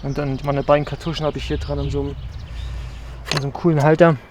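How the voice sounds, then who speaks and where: Relaxed man vlogging, slightly high voice. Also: fast talker, noisy background. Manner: relaxed, rambling, many filler sounds. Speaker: pro gravel cyclist vlogging a race trip. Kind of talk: casual vlog chat to camera.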